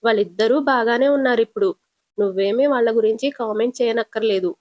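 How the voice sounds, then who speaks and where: A woman's voice: fairly high pitch, a little mellow, natural voice. A woman voicing a sly defensive young woman. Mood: protective. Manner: defensive, quick comebacks.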